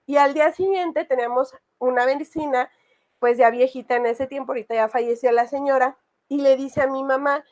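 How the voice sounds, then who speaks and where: A woman's voice: high voice, fairly even intonation, brisk, a little mellow. A woman casually telling a personal horror story, rambling with many fillers. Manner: rambling, full of fillers and restarts.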